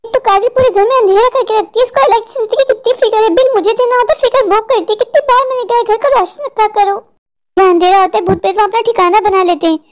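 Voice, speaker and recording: Jittery cartoon husband played by a woman, very high voice, whiny and fretful. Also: fast. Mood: frightened. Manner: fretful, complaining, panicky. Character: frightened, whiny adult husband, mall owner. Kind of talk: cartoon voice acting.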